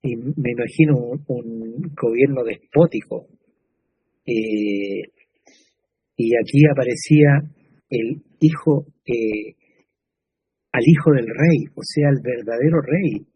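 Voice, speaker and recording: A man's voice: medium pitch, slow pace, pauses often, warm tone, slightly rough, no room sound, poor audio. A man with a Chilean Spanish accent preaching a sermon in a conversational way, with fillers and tag questions.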